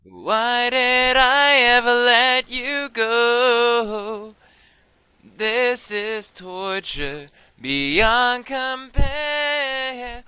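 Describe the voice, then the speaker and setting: A man's voice: very high voice, drawn-out words, pushed and bright, smooth, no room sound, faint music behind. A man's sped-up chipmunk voice on an old home recording, half-speaking and half-singing an earnest, pleading love song.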